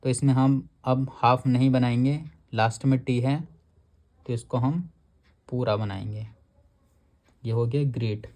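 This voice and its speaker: Slow, mellow-voiced male shorthand teacher. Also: mid-range voice, steady tone. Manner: explains patiently, reads rule text aloud very slowly. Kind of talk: step-by-step shorthand lesson.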